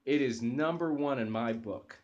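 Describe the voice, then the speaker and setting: A young man with a medium-pitched, darkish voice talks at normal speed as he hosts a laid-back coffee review from his sofa. He's eager but halting, with fillers and restarts. The close webcam recording has its highs cut off.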